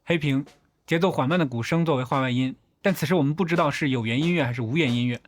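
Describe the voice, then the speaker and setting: A man's voice: mid-range voice, fast talker, faint music behind. A man hosting a film analysis video, talking through each shot step by step in a methodical, explanatory way. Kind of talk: explanatory film breakdown narration.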